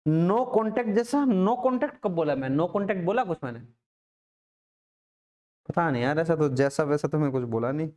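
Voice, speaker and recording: Man, physics teacher, raised pitch, casual class lecture, repeats his questions. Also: expressive, normal speed, pauses often, darkish tone.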